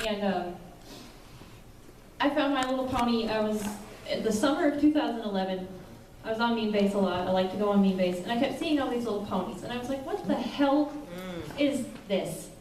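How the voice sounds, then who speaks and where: A woman's voice: on the high side, a little fast, a little mellow. A young woman from Wisconsin telling a fan group her story, laughing at herself as she goes. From Wisconsin, USA. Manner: laughing, self-deprecating. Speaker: fan meetup member sharing her story. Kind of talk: casual spoken testimony to a group. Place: indoor meeting room with a group. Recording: echoey room, distant mic, noisy crowd.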